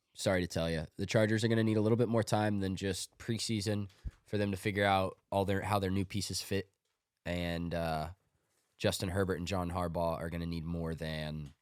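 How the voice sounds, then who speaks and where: A low-pitched male sports podcast host, a bit congested from a cold, runs through his picks in an offhand, joking monologue. The audio is studio quality with no echo.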